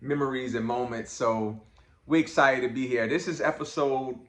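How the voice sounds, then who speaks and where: A man's voice: medium pitch, moderate pace, fairly bright tone, reverberant. A middle-aged man co-hosting a podcast with his daughter, talking in a playful, teasing, laid-back way with lots of fillers. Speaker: podcast co-host, father. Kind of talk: casual chat.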